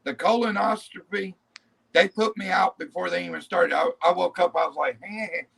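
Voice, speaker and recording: A man telling loud, profane, animated stories in a casual group chat. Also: high voice, moderate pace, vocal fry, a crowd in the background, poor audio. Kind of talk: casual storytelling.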